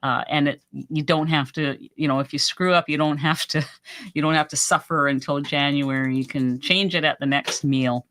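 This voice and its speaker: A woman talks through a relaxed live stream, answering her viewers and cheering them on. Her voice is bright and forceful, a little strained as she loses it. Her sentences are full of restarts and repeated words. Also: low-pitched, normal speed, slight background noise. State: losing her voice. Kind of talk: casual live-stream chat, reading viewer comments.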